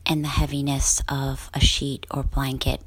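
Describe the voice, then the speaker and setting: A woman guiding a sleep meditation in a soft, slow, soothing whisper. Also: very deep voice, level tone, breathy edge. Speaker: guided relaxation host.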